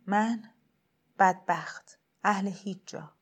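A woman voicing a timid, lonely, desperate pilgrim woman in a storybook reading, speaking quietly and hesitantly. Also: medium pitch, husky, close to an everyday voice. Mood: forlorn.

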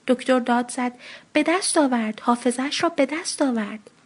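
A woman reads a short story aloud in an expressive voice with a breathy edge, raising her pitch whenever she voices the children's lines.

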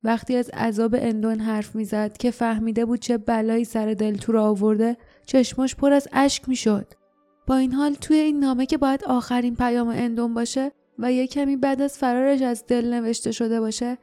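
A woman narrating an audiobook in a steady storytelling read. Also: a little high, soft background music.

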